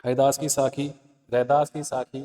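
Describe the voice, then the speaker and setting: A man's voice: medium pitch, level tone, moderate pace, warm tone, long reverb tail. A man teaching an exam-prep lesson, repeating key points and quizzing listeners with rhetorical questions. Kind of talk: Hindi exam-prep lesson, explaining answers.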